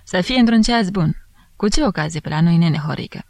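A woman's voice: on the low side, lively intonation, no echo. A woman doing a sly coaxing police chief. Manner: sly coaxing, slipping into hushed asides. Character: smug flirtatious middle-aged male police chief.

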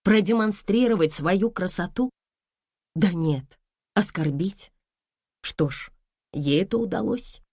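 Slow, expressive female audiobook narrator. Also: fairly low pitch, slightly rough, no echo, studio quality. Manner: expressive storytelling. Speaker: audiobook reader. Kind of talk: scripted narration.

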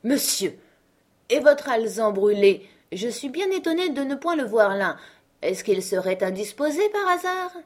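A woman's voice: on the high side, big pitch swings, normal speed, a little mellow, voice pushed up. A woman reading the part of a witty, mocking uncle, ironic and emphatic, in an audiobook. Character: witty, mocking uncle who fights a duel.

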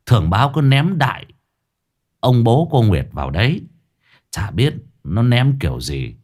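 A man narrating a humorous ghost story in a brisk, lively storytelling manner. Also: lowish voice.

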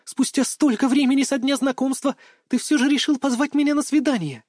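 A man voicing a chatty, cheeky teenage schoolgirl who teases with rapid-fire questions in an audiobook. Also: extremely high pitch, fairly even intonation, a little mellow, no room sound, studio quality, pitched above the performer's own voice. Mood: playful.

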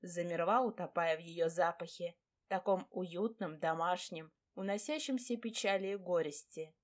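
A woman narrating a first-person romance audiobook in a warm, expressive reading. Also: on the low side, moderate pace.

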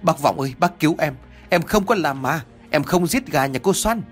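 Casting: terrified villager voiced by a man, tearful, begging, raised pitch. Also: animated, fairly quick, faint music behind, natural voice. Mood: pleading. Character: frightened village man pleading innocence.

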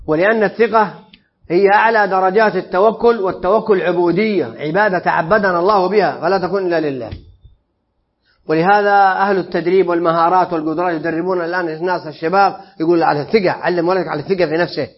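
A man's voice: sits high, fast talker. A man teaching a religious creed lesson, explaining phrase by phrase and putting questions to his listeners. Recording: dull lo-fi lesson recording.

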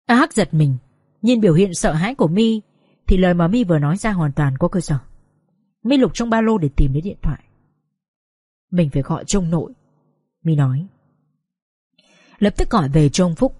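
Expressive woman narrating a story. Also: lowish voice, brisk, long pauses, breathy edge, no echo, studio quality. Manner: expressive, dramatic.

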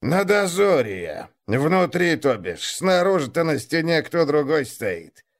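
A man's voice: a little high, big pitch swings, a little slow. A man voicing a timid young male watchman in an audiobook, mumbling sheepishly. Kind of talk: audiobook character voice.

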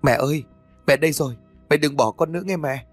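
A man voicing a resentful teenage boy who distrusts his father, speaking higher than his narration. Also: lively intonation, a little fast, no room sound, soft background music. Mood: sobbing relief.

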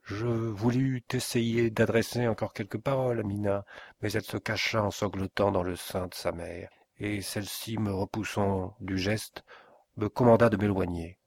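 A man reading a classic novel aloud as an audiobook, in a measured, literary reading. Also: on the low side, flat delivery, darkish tone, dry recording. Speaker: audiobook reader. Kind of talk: scripted narration of a classic novel.

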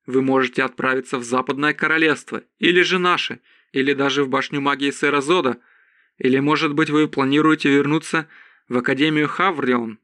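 A man's voice: medium pitch, fairly even intonation, a little fast, bright, forceful tone, no room sound, lightly acted. A man reading aloud and voicing a polite young male knight in a courteous, slightly lifted voice.

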